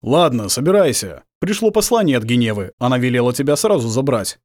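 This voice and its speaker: A male audiobook reader voicing a calm, weary middle-aged prince who speaks in a measured way. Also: medium pitch, no room sound, studio quality, close to an everyday voice. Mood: grave. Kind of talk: audiobook character voice.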